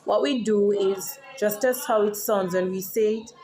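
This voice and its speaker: A Jamaican woman who is a teacher and author talks casually to camera in a vlog, explaining words as if giving a lesson. She has a Jamaican accent and a medium-pitched, steady voice, and she speaks a little slowly.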